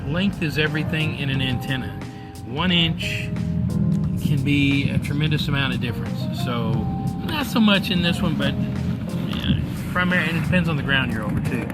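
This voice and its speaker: Over loud background music, a man who operates ham radio and mentors others explains things casually for a vlog in a folksy, wandering style. His voice sits on the high side, with lively intonation and a normal speed.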